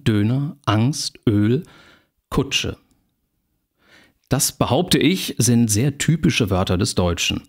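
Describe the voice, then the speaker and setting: A man giving a university lecture, explaining in a measured way and addressing students formally. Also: medium pitch, husky.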